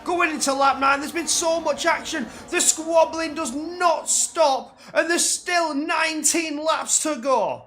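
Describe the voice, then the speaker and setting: A man calling a sim race in excited motorsport commentary, with emphatic, breathless play-by-play that repeats phrases. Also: very high voice, unhurried, few pauses. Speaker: esports racing commentator.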